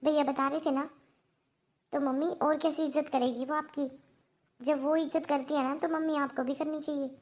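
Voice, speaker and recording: Woman as a firm young cartoon daughter, high voice, earnest lecturing tone. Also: steady tone, normal speed, a little mellow, lightly acted. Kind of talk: Hindi cartoon dubbing.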